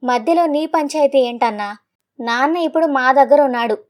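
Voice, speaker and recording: A woman's voice: high-pitched, normal speed, natural voice. Woman doing a sarcastic younger son. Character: careless, mocking younger son, grown man.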